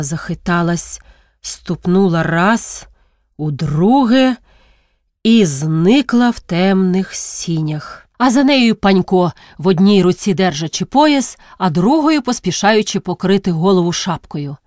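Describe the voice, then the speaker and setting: A woman reading classic literary prose aloud as narrator, measured and expressive, with drawn-out pauses. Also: on the low side, dry recording, studio quality.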